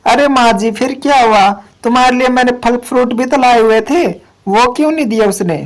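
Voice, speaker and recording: A woman voicing a gentle, caring male crow son who reassures his mother. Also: on the high side, a little fast, voice pushed up, lightly acted, rough recording. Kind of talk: cartoon voice acting.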